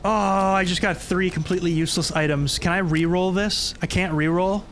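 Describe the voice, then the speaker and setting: A man streaming a game and chatting casually with friends, joking and excitable. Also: high voice, normal speed. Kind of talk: casual gaming chat. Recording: noisy game audio behind voice.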